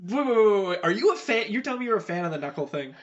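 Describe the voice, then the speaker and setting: A young man co-hosts a casual podcast in a slightly high, very lively voice that jumps around in pitch. He argues playfully and laughs often. The recording sounds dull and lo-fi. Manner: animated, laughing, quick to argue. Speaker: podcast co-host. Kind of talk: casual chat.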